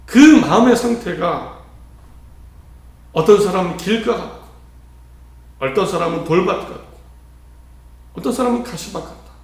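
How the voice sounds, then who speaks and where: High-voiced man preaching in echoing church. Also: gravelly. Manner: earnest, rhetorical questions, varied emphasis. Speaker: pastor. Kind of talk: sermon. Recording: heavy church reverb.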